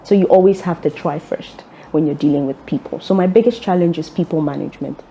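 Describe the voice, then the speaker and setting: Young woman, company director, low mellow voice, calm and orderly. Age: young adult. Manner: measured, orderly, with occasional ums. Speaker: executive director of a fuel transport firm. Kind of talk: interview answers.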